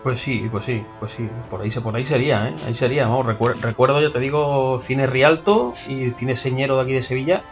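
A man's voice: mid-range voice, a little fast, few pauses. Laid-back guy on a film podcast, kinda dull lo-fi sound, faint music. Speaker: podcast co-host. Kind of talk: casual film podcast chat.

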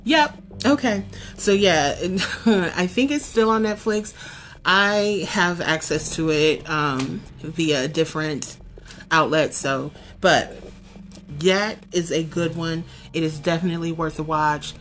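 A woman in her forties talking casually and expressively about horror films, laughing often and swinging her voice up high for emphasis. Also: slow, a bit bright, slight background noise. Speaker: horror film reviewer. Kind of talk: casual countdown commentary.

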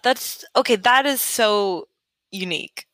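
A woman's voice: on the high side, unhurried, sharp tone, no echo. A woman hosting an interview, asking eager, rambling questions in a casual chat.

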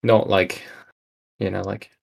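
Game master, man, low gravelly voice, flat delivery, relaxed narration. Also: slow pace, muffled recording. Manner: relaxed, hesitant with fillers.

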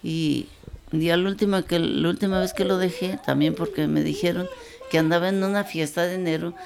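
A woman's voice: fairly low pitch, a little fast, vocal fry. A woman, telling her life story casually and acting out the other people in her tale. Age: 80s. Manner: lively storyteller, quotes people in dialogue, chuckles often.

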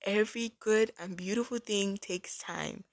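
Speaking at an unhurried pace in a medium-pitched voice, this early-twenties woman runs a relaxed faith-oriented podcast. She's talkative and sincere, leaning heavily on "like" as a filler.

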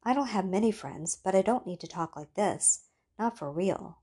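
A woman voicing a lonely, nervous man who grows frightened and tense, speaking in a slightly husky voice. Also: medium pitch, animated, moderate pace. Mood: disbelieving. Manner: tense, rising to frightened shouting.

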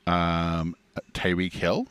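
A man with a gravelly voice co-hosting a podcast, chatting casually about sports in a teasing, conversational way. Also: deep voice, fairly even intonation, very slow, fairly bright tone, dry recording. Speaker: podcast co-host.

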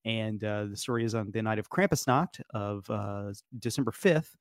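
A man's voice: on the low side, moderate pace, no echo, clean studio sound. A man talking casually and at length, rambling with many fillers and restarts, often breaking into laughs. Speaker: podcast guest. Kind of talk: casual debate chat.

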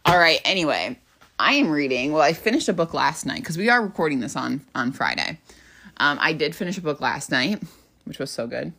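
A young woman co-hosting a casual book podcast, chatty and quick to laugh. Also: sits low, expressive, vocal fry, fairly bright tone, slightly rough. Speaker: podcast co-host. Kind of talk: casual chat about books.

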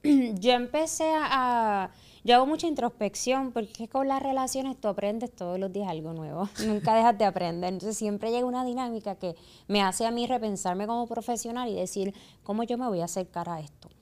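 A woman's voice: medium pitch, normal speed, darkish tone. A woman psychologist, hosting a podcast conversation and explaining relationships with reflective emphasis.

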